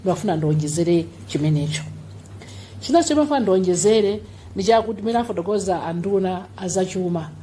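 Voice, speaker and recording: Brisk Malawian woman, mellow voice. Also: mid-range voice, expressive, a little hiss or hum. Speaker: official addressing the public at a briefing. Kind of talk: explanatory public briefing.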